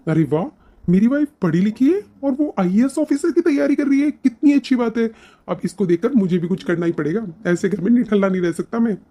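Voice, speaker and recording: A performer doing a kind young cartoon husband who talks quickly in a mid-pitched voice. His manner is eager and reassuring, quick to back up his wife. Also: lively intonation, warm tone, lightly acted. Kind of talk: cartoon voice acting.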